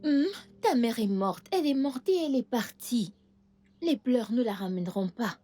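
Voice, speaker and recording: An actress dubbing a sharp-tongued scheming aunt who scolds and coaxes her niece in a film. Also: fairly high pitch, animated, normal speed, close to an everyday voice. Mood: coaxing. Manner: scolding and bossy, then falsely soothing. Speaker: aunt and guardian. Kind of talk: French dub of a film.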